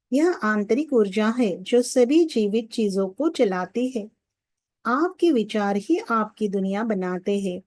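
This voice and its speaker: A woman narrating a spiritual audiobook in a steady, even reading voice, recorded close to the mic in a studio booth. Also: on the high side, no room sound.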